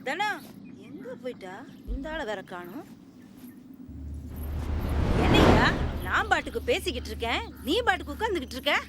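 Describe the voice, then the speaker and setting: A woman's voice: high voice, sing-song, moderate pace, long pauses, very noisy. A wailing, anguished mother. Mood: worried. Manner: wailing, pleading. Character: anguished mother planning her child's wedding. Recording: film soundtrack, loud score behind.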